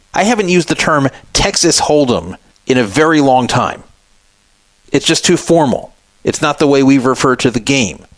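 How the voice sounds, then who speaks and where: A talk radio host with a medium-pitched voice offers opinionated commentary, scoffing sarcastically at a statement he reads aloud. The recording has no room sound.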